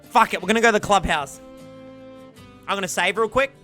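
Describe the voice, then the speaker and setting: A man's voice: high voice, fairly quick, pushed and bright, faint music behind. Crude, trash-talking young male streamer. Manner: crude, swearing, mock-boastful, trolling. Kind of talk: streamer reading a visual novel aloud, crude banter with chat.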